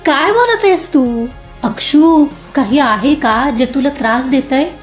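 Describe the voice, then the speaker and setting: A woman voicing a gentle, caring middle-aged father in an audio story, speaking softly and fondly. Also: sits high, lively intonation, unhurried. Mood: concerned. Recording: roomy muffled recording, soft music.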